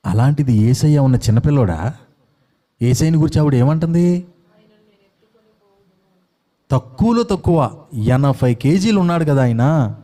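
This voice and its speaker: A man's voice: fairly high pitch, dark tone. A male preacher giving a sermon, acting out scenes and throwing questions at his congregation. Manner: dramatic, acts out quotes and fires questions at the congregation.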